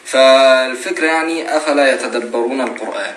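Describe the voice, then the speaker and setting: A man's voice: mid-range voice, fairly quick, fairly bright tone. A young man in his twenties with an Egyptian Arabic accent, giving earnest casual religious advice on a live stream and asking rhetorical questions. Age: 20s. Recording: roomy echo, faint noise.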